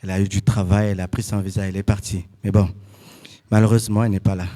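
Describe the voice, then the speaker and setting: A man's voice: on the low side, level tone, fast, mellow, natural voice. A man playing a teasing Congolese brother presenting his family in a drama, speaking in short phrases with wry asides. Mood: wry, relaxed.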